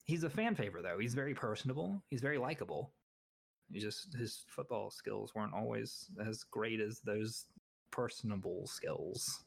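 A man's voice: lowish voice, expressive, moderate pace, creaky, slightly rough. A young man co-hosting a casual sports chat, rambling and opinionated, often poking fun at himself. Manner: rambling, opinionated, self-deprecating. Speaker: podcast co-host.

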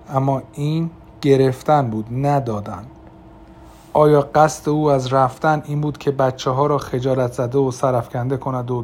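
A man narrating an audiobook in a calm, measured reading voice. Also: mid-range voice, a little hiss or hum. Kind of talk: scripted narration.

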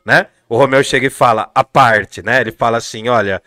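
A man's voice: mid-range voice, steady tone, a little fast, pushed and bright. A man, chatting casually and joking at his own expense as a vlogger. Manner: joking, self-mocking. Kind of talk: casual chat.

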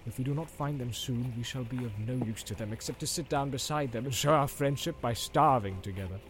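A man voicing a gruff, grumbling male dwarf warrior in a storybook reading, blunt and wary, half joking. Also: medium pitch, fairly quick, slight background noise, natural voice. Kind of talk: audiobook reading.

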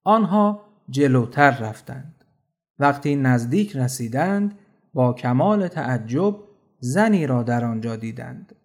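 A man narrating a children's storybook in a steady, clear storytelling manner. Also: mid-range voice.

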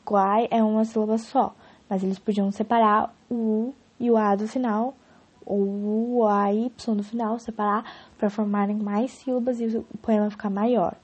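A young woman talks through a lesson in a casual, explanatory way, often restarting her sentences. Her voice sits fairly high, with a soft, mellow tone and a husky edge. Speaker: student explaining poetry. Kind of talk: informal spoken lesson.

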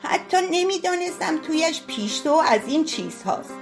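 Woman doing a shrill old lady, crying out n cursing, voice jumping all over. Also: expressive, creaky, soft background music, exaggerated voice. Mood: wailing. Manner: shrill, pleading, tearful. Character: old working-class woman, wailing and cursing.

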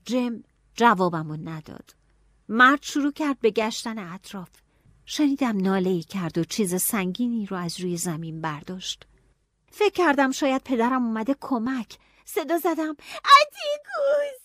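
A woman narrating a novel in an expressive audiobook style, dropping to hushed tones and rising to anxious cries. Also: mid-range voice, no echo, clean studio sound.

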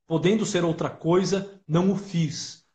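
Measured Brazilian man, slightly high voice. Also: fairly even intonation, warm tone. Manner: measured, deliberate, lecturing. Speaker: guest. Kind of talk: reflective conversational explanation.

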